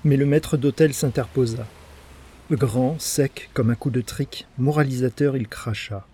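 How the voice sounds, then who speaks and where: A man narrating a dramatic story in an expressive, theatrical way. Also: medium pitch, a little slow, husky.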